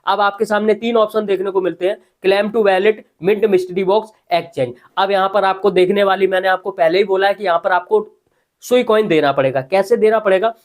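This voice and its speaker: High-voiced man explaining a tutorial. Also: steady tone, moderate pace. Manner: conversational, repeats filler "ठीक है". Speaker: crypto news host. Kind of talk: screen-recorded tutorial voice-over.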